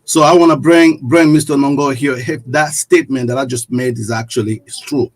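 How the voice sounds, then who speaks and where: A middle-aged man hosting a panel interview, halting and repeating words. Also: mid-range voice, fairly even intonation. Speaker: host.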